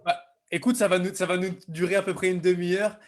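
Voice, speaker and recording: A man's voice: high-pitched, steady tone, fast talker. A man hosting a live online interview, upbeat and chatty, with many restarts. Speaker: host.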